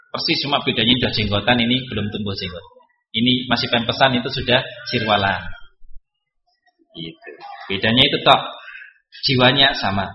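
Lively joking preacher. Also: male voice. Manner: lively, joking asides, sudden pitch jumps for emphasis. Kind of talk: Islamic study sermon. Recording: roomy, dull lo-fi recording.

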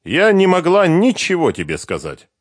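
A man's voice: high voice, huge pitch swings, moderate pace, no echo, studio quality, voice pushed up, exaggerated voice. A man voicing a hurt, accusing young woman who confronts her former lover with pressing questions. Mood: bitter.

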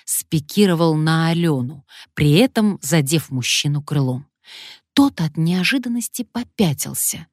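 A woman narrating an audiobook in a measured, expressive reading. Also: sits low, no echo, studio quality. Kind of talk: scripted narration.

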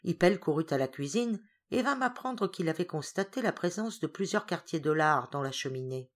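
A woman reading a classic story aloud as an audiobook, with expressive, varied storytelling. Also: low-pitched, normal speed. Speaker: audiobook reader. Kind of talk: literary audiobook narration.

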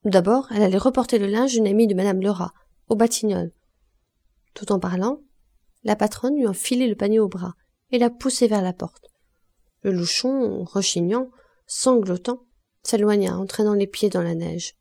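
A woman narrating a classic novel as an audiobook, reading in a measured, expressive way. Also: medium pitch, gravelly. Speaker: audiobook reader.

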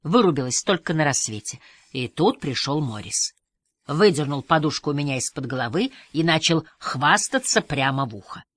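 A woman's voice: low-pitched, lively intonation, moderate pace, fairly bright tone, dry recording. A woman reading the part of an exhausted, troubled woman who speaks in a weary, subdued, apologetic way.

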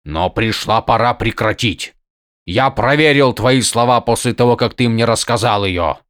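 A stern, weary older highlord, voiced by a male narrator, who lays down the law in firm, emphatic tones. His voice sits mid-pitched, and the audiobook recording is close and dry. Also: moderate pace, fairly bright tone, no echo, close to an everyday voice. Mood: scolding. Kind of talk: audiobook character voice.

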